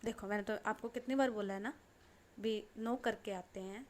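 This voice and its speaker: A woman voicing an adult aunt, a stern but caring woman who scolds, then coaxes softly. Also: mid-range voice, steady tone, moderate pace, natural voice. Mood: gentle coaxing. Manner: scolding, then soft and coaxing.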